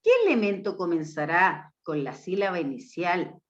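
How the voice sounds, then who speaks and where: A woman teacher giving a recorded phonics lesson to young children, slow and emphatic, her voice rising to cue and praise them. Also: lowish voice. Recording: dull lo-fi sound.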